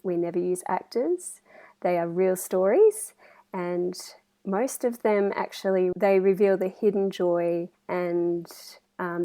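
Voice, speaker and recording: A woman's voice: on the low side, warm tone. A woman talking casually as a podcast guest over a video call. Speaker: podcast guest, writer and communications specialist. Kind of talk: casual interview chat.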